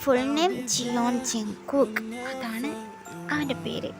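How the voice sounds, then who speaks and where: A woman voicing a shy, lovestruck young woman student in an amateur audio drama, speaking softly and hesitantly. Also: on the high side, takes it slowly. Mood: explaining. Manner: soft, hesitant. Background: background music.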